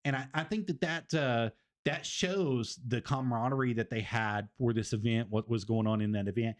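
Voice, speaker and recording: A man's voice: mid-range voice, steady tone, moderate pace. A man, hosting a casual wrestling review stream and rambling, repeating phrases for emphasis. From Tennessee, US. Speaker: stream host.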